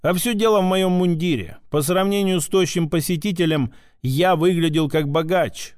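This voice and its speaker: A man reading a first-person audiobook in a measured, even storytelling manner. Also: fairly high pitch, no echo, studio quality. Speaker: audiobook narrator.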